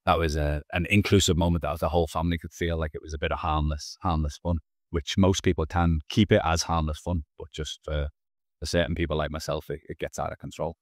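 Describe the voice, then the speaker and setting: Speaking a little fast with a very deep voice and level tone, a man in his thirties earnestly tells his own story as a podcast guest, often restarting his words in this candid storytelling. He's on a video call in a small indoor room, wearing headphones, with no echo and clean studio sound.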